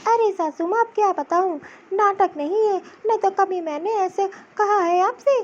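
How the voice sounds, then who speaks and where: Lady playing a whiny lazy young daughter-in-law, squeaky super high voice, muffled lo-fi audio. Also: moderate pace, darkish tone. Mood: whining. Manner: whiny, complaining. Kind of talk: cartoon voice acting.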